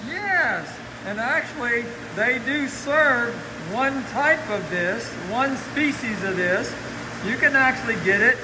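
A middle-aged man with a high voice talks through a face mask over the loud hum of a pump-filled work room. He explains things casually, in a folksy way, as an aquarium guide to his viewers. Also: expressive, takes it slowly. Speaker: aquarium animal keeper and guide. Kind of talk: casual educational live talk.

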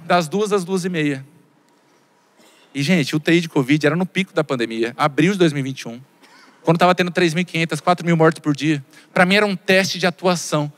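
A man in his thirties with a Brazilian Portuguese accent, doing animated stand-up storytelling and talking straight to the audience. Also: high-pitched. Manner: animated storytelling, repeated "gente" asides to the audience. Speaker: stand-up comedian. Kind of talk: stand-up comedy. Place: stage at a live comedy show. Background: faint audience.

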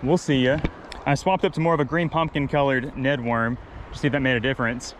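Wading a mountain creek with his camera rolling, a man who runs a fishing vlog gives casual outdoor commentary, eagerly explaining the spot and where fish ought to be while he fishes. He speaks fairly quickly in a mid-range voice, and there is a little hiss or hum.

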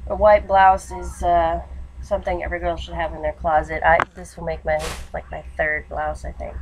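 A woman in her twenties, an education student and vlogger, chats casually in a haul video, her nose congested and stuffy from allergies, and her voice low and darkish. She's in a small lamp-lit room at home, recorded on a webcam or laptop mic at desk distance. The rough recording carries room noise and a TV in the background.

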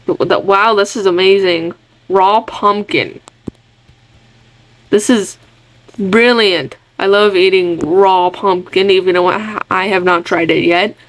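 A woman giving casual, excitable commentary on a game she is playing, chatty and often restarting her words. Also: mid-range voice, slow pace, slight background noise, low-quality recording. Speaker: gaming video creator.

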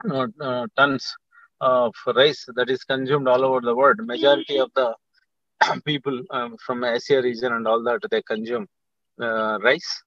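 Indian man, middle-aged, mid-pitched, halting panelist over a muffled video call. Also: fairly bright tone, no room sound. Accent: Indian English. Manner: halting, many fillers and restarts. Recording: dull, dry video call audio.

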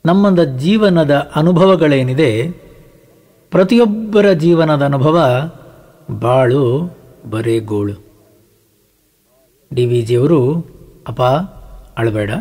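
Slow-speaking man giving a spiritual discourse. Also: a little high, animated, a little mellow. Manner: slow, chants verses and addresses listener as appa. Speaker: spiritual teacher. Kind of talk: Kannada spiritual discourse with chanted verses. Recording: long hall reverb.

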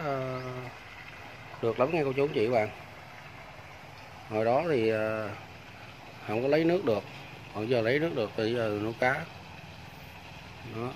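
The recording is rough and carries slight background noise, but the man's mid-range voice comes through as he gives a phone-filmed walking tour of a rural farm near fish ponds. Chatty and casual, he keeps addressing viewers as aunts, uncles and friends.

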